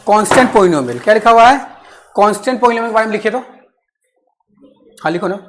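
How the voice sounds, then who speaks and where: A woman teaching maths in class. She keeps checking that students understand and repeats phrases slowly while dictating. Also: a little high, animated, slight background noise.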